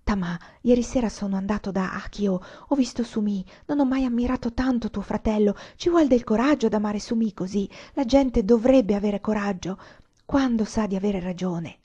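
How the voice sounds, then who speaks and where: A woman's voice: medium pitch, normal speed, mellow, husky, highs cut off, lightly acted. A woman reading the lines of an earnest young man in love, pleading and urgent, sometimes whispering.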